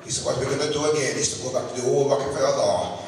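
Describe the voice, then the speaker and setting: A middle-aged man preaching a sermon on a handheld mic, calling for answers from the congregation and swinging between loud peaks and low asides. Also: rapid-fire. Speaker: pastor. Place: large church sanctuary with a choir behind him. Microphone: handheld microphone. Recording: very echoey, long hall reverb, distant camera mic.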